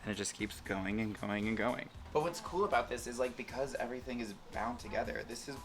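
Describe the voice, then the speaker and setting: A man's voice: medium pitch, brisk, recorded from a distance, faint music behind. An American man hosting a casual science demonstration in a campy, informal way. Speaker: host, chemist presenter.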